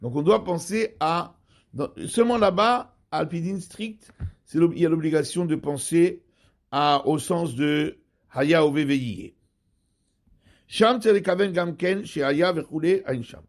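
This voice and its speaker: A man gives a rabbinic study lesson in a fairly high voice. He explains step by step, pausing, repeating and rewording each term for his listeners. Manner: explains slowly, repeats and rephrases terms.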